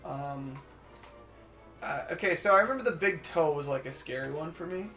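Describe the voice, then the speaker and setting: A young man chats casually while commentating a game, wandering through childhood stories with plenty of "like" and "um." His voice sits a little high. Faint music plays beneath. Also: moderate pace, pushed and bright, echoey room. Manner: rambling storyteller with many fillers. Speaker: let's play co-host. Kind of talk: casual gaming commentary chat.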